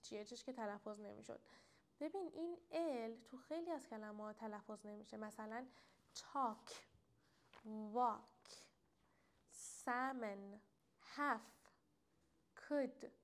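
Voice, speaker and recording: Young female teacher, a bit high-voiced, casual lesson to camera, drags out sample words. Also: warm tone. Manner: addresses viewer directly, drawn-out example words. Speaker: English teacher.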